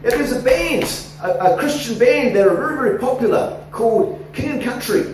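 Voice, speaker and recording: A man in his forties with an Australian accent, preaching an animated sermon into a handheld microphone in a church hall. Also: very high-pitched, moderate pace. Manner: animated, gesturing, coaxing the congregation. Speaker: pastor. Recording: echoey hall, somewhat distant, faint noise.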